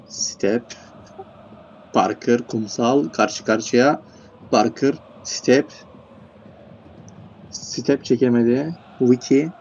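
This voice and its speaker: Guy doing play-by-play for an online game, gravelly voice, kinda muffled lo-fi mic. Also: mid-range voice, a little hiss or hum. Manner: rattles off player names, shouts at goals. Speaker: play-by-play commentator. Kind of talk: esports match commentary.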